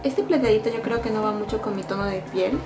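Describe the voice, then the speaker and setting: A middle-aged woman vlogger demonstrating makeup in a casual, excited, gushing way, full of fond little diminutives. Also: mid-range voice, fast, music in the background. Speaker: beauty vlogger. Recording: echoey room.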